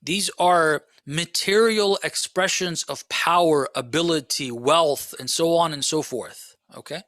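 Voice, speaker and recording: Bright-voiced man giving a religious lecture. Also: unhurried, no echo. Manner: conversational, rhetorical questions, frequent "okay?"; swings between soft low asides and raised emphatic passages. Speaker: Islamic lecturer.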